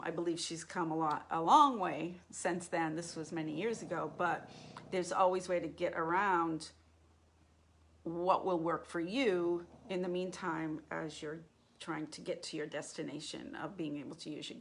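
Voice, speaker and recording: Woman, live class teacher, conversational, asks the group questions, fairly low voice. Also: steady tone, unhurried, slight background noise. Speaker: intuition teacher.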